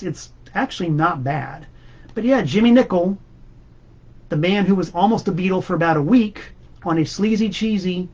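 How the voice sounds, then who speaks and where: A man's voice: high-pitched, darkish tone, highs cut off. A man hosting a casual monologue about records, enthusiastic and rambling, with emphatic repeats. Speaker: host.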